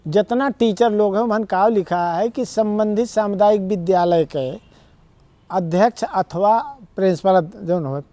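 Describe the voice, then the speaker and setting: A man speaks with an Awadhi accent as an interview guest, his voice pitched fairly high. He argues earnestly and at length. The sound is dry and close. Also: a little slow, warm tone, dry recording. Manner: earnest, argumentative, rambling explanations. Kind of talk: conversational interview.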